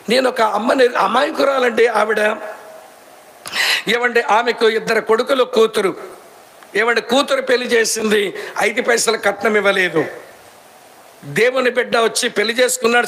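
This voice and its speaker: Male preacher, Srikakulam Telugu accent, very high voice, lively storyteller who mocks and scolds. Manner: animated storytelling, acting out quoted women; scolding, mocking, emphatic. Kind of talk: sermon.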